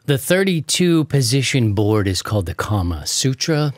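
A man's voice: medium pitch, very animated, moderate pace. A middle-aged man casually hosting a panel, speaking into a close studio microphone. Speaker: show host. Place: home studio, indoors, video call.

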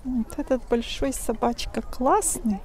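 A woman vlogging as she browses an outdoor flea market, musing slowly and often half-whispering to the camera. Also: a little high, darkish tone. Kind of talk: casual narration while shopping. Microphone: handheld phone camera. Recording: outdoor market crowd noise. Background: crowd chatter.

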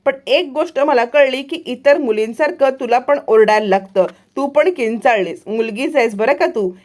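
A smug young man who needles and teases in a playful tone, as a woman narrator voices him. The pitch stays high, close to her own. He sounds pleased with himself. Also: normal speed, a little mellow, lightly acted. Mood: teasing. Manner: teasing.

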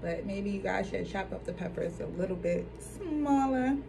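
A woman's voice: medium pitch, animated, normal speed, creaky, background noise. A young woman reviewing food in a casual vlog, chatting to viewers while she eats. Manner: chatty, addresses viewers as y'all. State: talking while eating.

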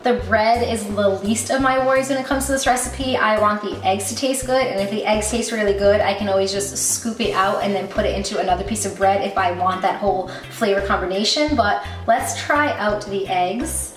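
A woman's voice: mid-range voice, normal speed, hardly any pauses. A woman hosting a casual cooking vlog, chatting upbeat through step-by-step recipe instructions. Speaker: recipe-testing vlogger. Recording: roomy echo with faint background music.

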